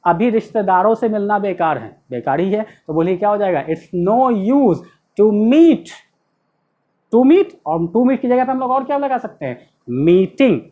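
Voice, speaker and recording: In a classroom-style English grammar lesson, a man explains step by step, stresses key words and checks understanding with rhetorical questions. His voice sits high with big pitch swings, he speaks a little slowly, and the audio has phone quality.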